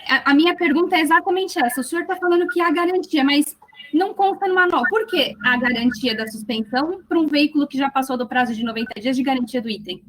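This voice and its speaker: A woman's voice: sits high, fast talker, a bit bright. A woman lawyer questioning an expert witness in a formal, persistent manner over a video call.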